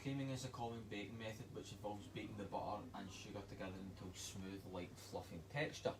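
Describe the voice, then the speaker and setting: A Scottish man, a chef, giving a relaxed, chatty cooking demonstration and reading out recipe steps. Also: lowish voice, fast talker, background noise. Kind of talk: casual cooking demo on a livestream.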